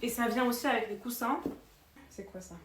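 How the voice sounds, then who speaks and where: A woman's voice: on the high side, brisk, a bit bright. A young woman and new mother chatting casually to camera at home, with a slight accent and lots of fillers, calling her viewers girls. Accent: slight foreign accent in French. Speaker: vlogger. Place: at home, indoors. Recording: faint background noise, clicks.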